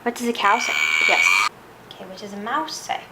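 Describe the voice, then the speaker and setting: A woman's voice: medium pitch, huge pitch swings, normal speed, gravelly. A woman asking a young child what animals say, praising each answer with patient, repeated questions. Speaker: parent quizzing a young child. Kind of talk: asking a toddler animal sounds. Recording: loud background noise.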